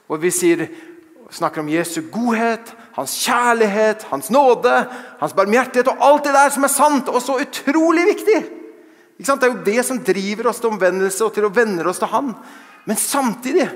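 A man preaching a fervent sermon, often rising to loud exclamations and snatches of song. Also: sits high. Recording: long reverb of a large hall.

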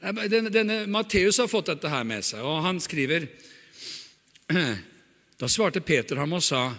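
A man preaching a sermon, animated and chatty, often asking the congregation "right?". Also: on the high side, long reverb tail. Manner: animated, acts out the dialogue he retells.

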